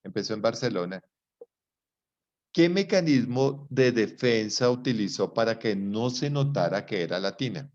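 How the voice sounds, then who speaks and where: A man's voice: lowish voice, animated, normal speed, a little mellow. A man giving a live psychology class in a conversational way, often checking whether students follow. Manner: conversational, checks understanding with rhetorical questions. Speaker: psychology lecturer. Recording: dull lo-fi recording.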